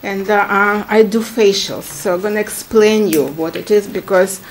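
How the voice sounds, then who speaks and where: A middle-aged woman with a Ukrainian accent speaks at a town meeting microphone. She talks in a chatty, halting way, with plenty of fillers and easy laughter, over a faint background hiss. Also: medium pitch, fairly even intonation. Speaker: applicant at a public hearing. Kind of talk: informal testimony at a town meeting. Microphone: standing microphone.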